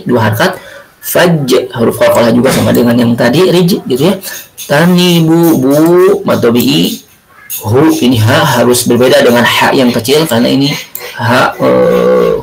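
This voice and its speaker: A male religious studies teacher explaining Quran recitation rules, drawing out chanted Arabic words slowly between explanations. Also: mid-range voice, creaky, rough recording. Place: home or classroom, recorded for remote learning.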